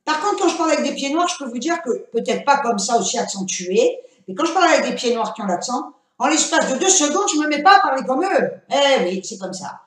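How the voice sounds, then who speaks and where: A woman's voice: high voice, very animated, brisk, a bit bright. A middle-aged woman with a Pied-Noir French accent tells a story to camera in a chatty, theatrical way, dropping "hein" into nearly every sentence. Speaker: storytelling vlogger. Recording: echoey room.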